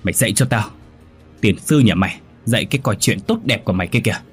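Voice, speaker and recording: A man voicing a harsh, bullying old village master who barks orders, with a low husky voice. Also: expressive, fast, soft background music. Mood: barking. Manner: barking, bossy orders.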